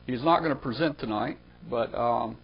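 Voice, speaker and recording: A man's voice: medium pitch, normal speed, gravelly, husky. A man hosting a live ham radio webcast, talking in an easygoing way with many trailing fillers. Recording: slightly dull webcast audio with faint noise.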